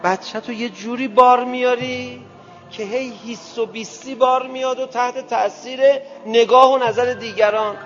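A male preacher giving an emphatic sermon to a gathering, firing rhetorical questions at the audience and swinging between loud outbursts and soft asides. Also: extremely high pitch, fairly even intonation. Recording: dull lo-fi sound with long hall reverb and faint music.

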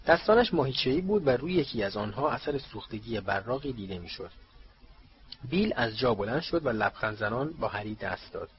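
A male audiobook narrator tells the story in a measured, steady read. The track sounds slightly muffled, with a faint hiss underneath. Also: medium pitch. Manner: measured storytelling with voiced characters. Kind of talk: scripted narration of a novel.

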